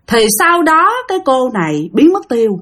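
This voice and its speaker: A woman's voice: high-pitched, very animated, moderate pace, a bit bright. A woman narrating a ghost story in a chatty way, speaking directly to her listeners.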